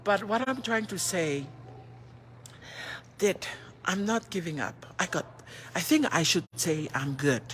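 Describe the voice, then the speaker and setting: Unhurried and expressive, pausing often, a middle-aged livestream host whose first language is Tongan gives an earnest pep talk from her phone in a fairly low voice. She asks herself rhetorical questions and answers them, shifting between languages mid-sentence, while a faint hum sits in the background.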